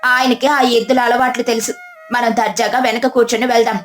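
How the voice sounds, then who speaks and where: Woman doing a careful young village wife, higher voice, pleading, cartoon story. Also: little pitch movement, a little fast, soft background music, close to an everyday voice. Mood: calm. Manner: cautious, pleading.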